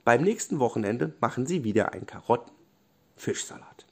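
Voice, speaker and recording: A man gently reading bedtime stories for children, with small restarts now and then. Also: mid-range voice, sing-song, moderate pace, vocal fry, breathy edge. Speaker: storyteller.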